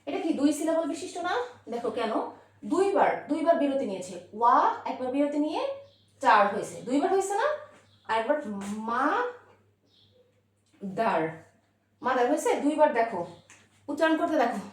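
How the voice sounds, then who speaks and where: A woman teaching a grammar lesson, asking questions and stretching out example words. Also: sits high. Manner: lively, questioning, drawn-out word demonstrations. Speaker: English teacher. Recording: echoey room, voice from a distance.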